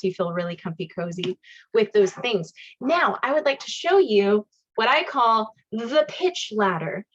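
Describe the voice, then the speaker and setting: Over a video call, a cheerful, encouraging woman teaches an online ear-training class, singing solfege scales for her students to echo back. Her voice is mid-range and the audio is dull.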